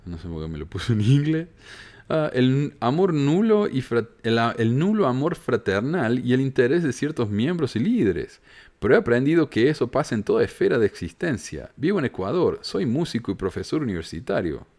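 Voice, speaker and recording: A man's voice: medium pitch, very animated, normal speed, a little mellow. A man from Argentina with a Córdoba accent hosting a podcast, reading listener messages aloud with sarcastic asides. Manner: sarcastic, reads quoted messages with mocking emphasis. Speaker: podcast host. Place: home in Utah.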